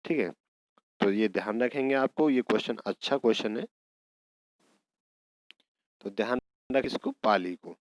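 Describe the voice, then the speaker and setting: Hindi grammar tutor asking himself questions. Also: male voice, fairly low pitch, normal speed, long pauses, dry recording, poor audio. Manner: explains step by step, keeps asking and answering his own questions. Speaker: teacher. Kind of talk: exam prep lesson.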